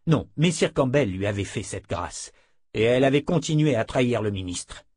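A man reading a novel aloud in a steady, measured narration. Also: medium pitch, breathy edge, no room sound. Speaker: audiobook narrator. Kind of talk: scripted narration.

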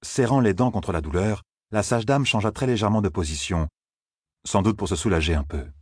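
A man narrating an audiobook in a measured, even storytelling manner. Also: fairly low pitch, husky, dry recording, clean studio sound.

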